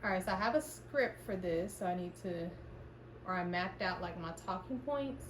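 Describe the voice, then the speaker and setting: A woman's voice: fairly low pitch, normal speed, background noise. A woman in her middle years vlogging at home, talking casually and tiredly, rambling and interrupting herself as she thinks aloud. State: tired, out of breath at times. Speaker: content creator vlogging her routine. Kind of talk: casual vlog talk to camera. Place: at home, indoors.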